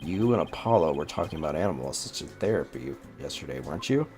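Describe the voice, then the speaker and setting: A man's voice: extremely low pitch, animated, fast talker, darkish tone, faint music behind. A man voicing a sensible, polite male defense attorney from a video game. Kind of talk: video game dialogue read aloud.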